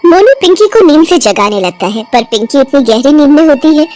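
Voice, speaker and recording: A woman narrating a cartoon story in an expressive, lively storytelling manner. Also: high voice, a little fast, a little hiss or hum.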